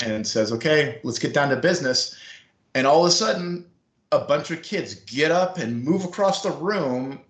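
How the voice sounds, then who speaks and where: A middle-aged man telling a long story in an interview, acting out what people said. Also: mid-range voice. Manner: animated storyteller acting out quotes. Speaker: former school staff member, guest. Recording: roomy echo.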